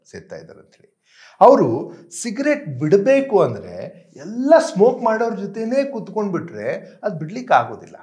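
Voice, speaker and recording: A male motivational trainer with a fairly high-pitched voice gives an emphatic yet conversational talk. He mixes in English phrases and frequently checks in with his listeners.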